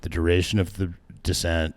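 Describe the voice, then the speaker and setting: A man with a low voice talks loosely and at length, backtracking and fixing his own numbers as he goes. He chuckles at his own stories in a relaxed, unscripted chat. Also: brisk. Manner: rambling, self-correcting, laughs at own stories. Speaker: podcast co-host, bike shop staff. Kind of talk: casual chat.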